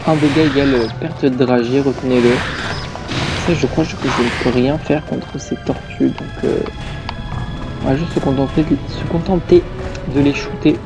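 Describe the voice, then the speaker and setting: A man's voice: medium pitch, normal speed. A tired, yawning man giving casual, rambling commentary while playing a video game, with game music behind. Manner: chatty, rambling asides. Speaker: let's play gamer.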